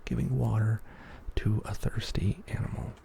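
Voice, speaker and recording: A man giving a soft, half-whispered ASMR pep talk in a breathy, gravelly voice, rambling along with gentle encouragement. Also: lowish voice, little pitch movement, moderate pace, a little hiss or hum. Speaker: ASMR YouTuber.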